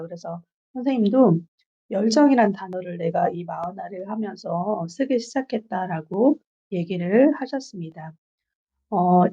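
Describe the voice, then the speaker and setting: A woman in her forties giving a measured, reflective book review from her notes, pausing often on filler sounds. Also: medium pitch, warm tone, husky. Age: 40s. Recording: dull lo-fi recording.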